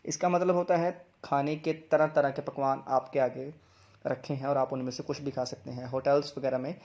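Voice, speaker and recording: A man's voice: mid-range voice, level tone, moderate pace, a little mellow. A young man, teaching English pronunciation in a video lesson, explaining step by step and repeating each word twice. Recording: dull lo-fi sound.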